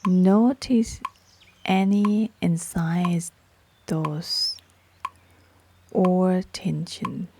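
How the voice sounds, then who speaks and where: A woman leading a guided meditation in short, sparse phrases with long pauses, her voice soft, breathy and partly whispery. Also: lowish voice, fairly even intonation, slight background noise. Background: metronome clicks.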